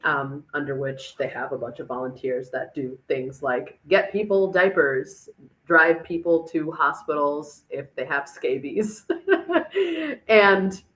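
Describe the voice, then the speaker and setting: A woman who is a chief of staff, there to talk about a city dashboard, takes audience questions at a tech meetup, casual and chatty with plenty of fillers and restarts. Her voice is deep and fairly bright, her pace measured, and the recording rough.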